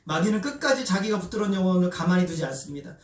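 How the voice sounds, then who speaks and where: A man's voice: high-pitched, animated, racing. A man preaching a sermon as pastor, animatedly asking the congregation questions and leading them in call-and-response. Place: church sanctuary. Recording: roomy church hall, voice from a distance.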